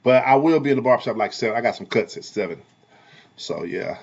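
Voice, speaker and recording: A man who is a parent and a barber, talking heatedly in a casual commentary vlog, repeating himself in a preachy way and swinging between loud and soft. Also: mid-range voice, lively intonation, fast talker, creaky, dull audio. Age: adult parent. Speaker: vlogger and barber.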